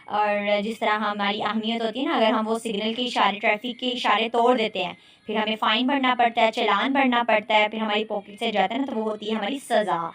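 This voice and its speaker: A woman's voice: fairly high pitch, fairly even intonation, a bit bright. A woman with a Pakistani Urdu accent teaching a recorded lesson on Quran recitation, explaining step by step and often checking that her students follow. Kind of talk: online lecture.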